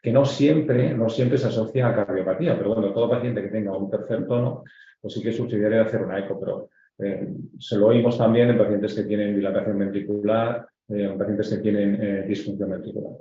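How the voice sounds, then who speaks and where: A man's voice: on the low side, steady tone, brisk, dark tone, slight background noise. Man from Spain lecturing in an echoey room. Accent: Spanish from Spain. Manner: explanatory, with filler "pues" and "¿no?". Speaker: pediatric cardiologist lecturer. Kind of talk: medical lecture to residents. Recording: dull, echoey lecture audio.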